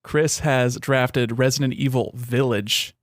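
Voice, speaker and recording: A man co-hosting a casual gaming podcast, eager and quick as he runs through his picks. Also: mid-range voice, steady tone, no room sound, clean studio sound. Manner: eager, quick, running commentary. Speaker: podcast co-host.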